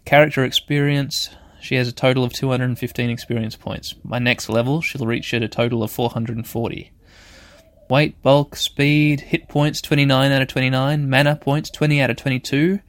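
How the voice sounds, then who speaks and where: A man giving casual let's play commentary as a gaming host, thinking aloud and narrating each move in a halting, rambling way. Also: medium pitch, steady tone. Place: shed.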